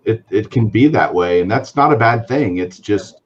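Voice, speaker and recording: A man with a low voice co-hosting a casual collectors' chat. He sounds relaxed as he passes along viewer questions. His audio comes through dull and muffled. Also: normal speed, slightly rough. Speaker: co-host.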